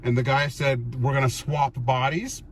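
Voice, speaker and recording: A man's voice: mid-range voice, flat delivery, moderate pace. Teasing man chatting, faint noise behind. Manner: teasing, playful questioning. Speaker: vlog host talking with older relatives. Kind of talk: casual chat, teasing storytelling.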